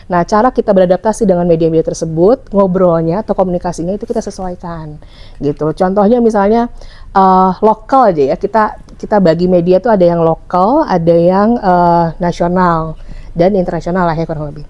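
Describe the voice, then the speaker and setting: A woman's voice: on the low side, fairly quick, dark tone, highs cut off. A young woman from West Java with a Sundanese accent, a hotel publicist explaining her work in a casual podcast interview, with many fillers. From West Java, Indonesia. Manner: chatty, explanatory, frequent fillers. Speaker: hotel public relations officer.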